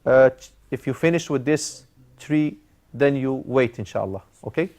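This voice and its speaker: A man's voice: mid-range voice, moderate pace, a little mellow. A man teaching an Arabic grammar class, explaining step by step with frequent "uh" fillers and Arabic terms mixed in. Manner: explains step by step, repeating key words.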